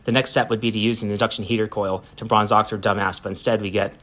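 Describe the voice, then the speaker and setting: A rambling, boastful stoner man who trips over fillers as he rushes on, read by a man in his own low voice. He speaks fast and low. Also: flat delivery, a bit bright.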